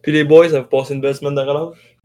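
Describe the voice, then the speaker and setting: A man's voice: fairly high pitch, fast talker. A young man with a Québécois accent hosting a podcast, telling casual stories and laughing often. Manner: laughs often, relaxed storytelling. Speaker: podcast host. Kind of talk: casual chat.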